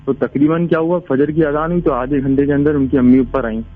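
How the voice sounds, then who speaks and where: Man, rambling caller, fairly high voice, tinny phone line. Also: steady tone, fairly quick. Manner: rambling, restarts often. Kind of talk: casual storytelling.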